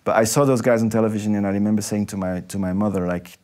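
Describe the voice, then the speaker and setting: A man, a DJ speaking thoughtfully and at a measured pace in an interview. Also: on the low side, fairly even intonation, darkish tone, clean tone. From Belgium. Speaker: DJ and producer, interview guest. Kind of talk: reflective interview talk. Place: nightclub.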